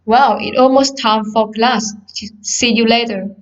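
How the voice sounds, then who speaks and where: Woman voicing a friendly uni student in a textbook dialogue, a bit high, muffled audio. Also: fairly even intonation, unhurried, lightly acted. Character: friendly young male university student. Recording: slightly dull lo-fi course audio.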